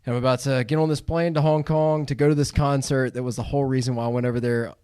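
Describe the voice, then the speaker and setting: A man hosting a podcast in a studio, telling stories in a lively, laughing way. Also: mid-range voice, quick pace, smooth, dry recording. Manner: animated storyteller, laughs while telling. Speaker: podcast host. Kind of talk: casual podcast chat.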